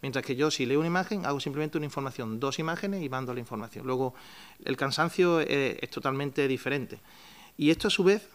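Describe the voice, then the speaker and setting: A man's voice: medium pitch, fairly quick. A man with a Spanish accent explaining a reading program at a town hall press conference, talking step by step with fillers and restarts and answering his own questions. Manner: asks himself rhetorical questions and answers them. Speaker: company presenter at a press conference.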